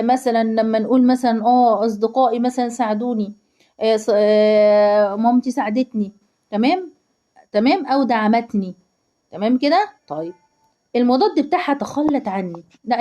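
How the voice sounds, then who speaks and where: A woman's voice: fairly high pitch, dark tone. A woman teacher with an Egyptian accent, explaining word meanings to young pupils, asking questions and answering them herself. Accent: Egyptian Arabic. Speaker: primary school Arabic teacher.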